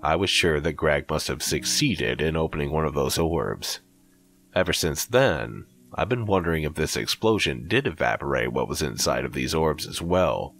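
Very deep-voiced male horror narrator. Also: expressive, fairly bright tone, faint music behind. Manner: measured, dramatic storytelling. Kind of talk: scripted narration.

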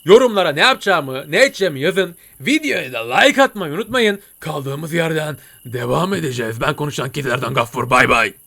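A man voicing an excitable, jokey male cartoon cat who comments on a game and talks to his viewers. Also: fairly high pitch, fairly quick, gravelly, few pauses, exaggerated voice. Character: chatty male cartoon cat gamer, jumpy. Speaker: gameplay commentator. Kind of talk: let's-play commentary.

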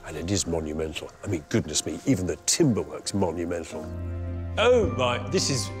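A man's voice: low voice, big pitch swings, a little fast. A man in his sixties presenting a home-renovation documentary, narrating and chatting on site with wry, enthusiastic exclamations. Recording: music bed under narration.

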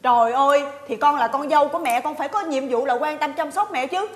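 A woman's voice: sits high, quick pace, roomy sound, lightly acted. Woman playing a nosy, dramatic daughter-in-law. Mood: fussy. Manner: whiny, dramatic, prying questions. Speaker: daughter-in-law in a TV comedy sketch. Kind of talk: TV sitcom acting.

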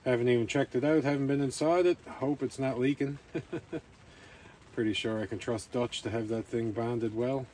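Outdoors at a rainy campsite, a man casually rambles to camera for his camping vlog. His voice is mid-range and darkish, with fairly even intonation at a moderate pace, and faint outdoor noise is audible.

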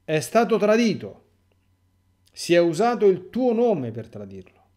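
A distressed young apostle pleads through tears in a raised, urgent voice, as a priest reads him aloud. The tone stays mellow and warm, pitched higher than an ordinary speaking voice. It sounds like a dramatic reading from a sacred story. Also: male voice, big pitch swings, measured pace. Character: the apostle John, a young man weeping with fear and grief.

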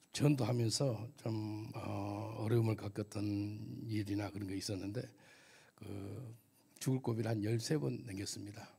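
A man's voice: lowish voice, gravelly, darkish tone, husky. A missionary pastor giving a testimony sermon at a church service, telling his story vividly and asking the audience questions.

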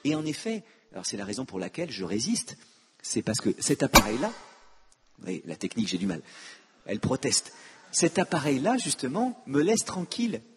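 A man's voice: mid-range voice, wildly swooping pitch, moderate pace, fairly bright tone, a little hiss or hum. An older man giving a public lecture, with witty, self-mocking asides to the audience. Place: conference hall. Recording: long hall reverb.

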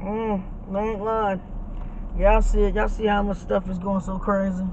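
A man with a high-sitting voice talks at a normal speed in a flat delivery, sounding lo-fi over loud road and engine noise. He's a vlogger chatting casually to his viewers from inside a moving truck, filmed on a dashboard camera, hyping loudly with slang and swearing.

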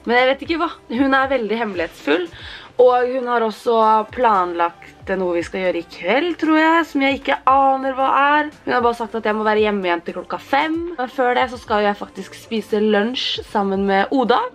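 A young woman vlogging her birthday morning at home, talking casually and getting excited and teary. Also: a little high, faint music behind. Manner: excited, swearing, tearful exclamations. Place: apartment indoors.

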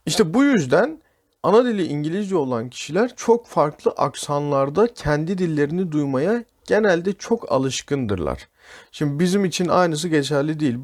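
A man's voice: a little high, darkish tone. A man with a Turkish accent, an English teacher talking through a podcast lesson and addressing listeners as friends.

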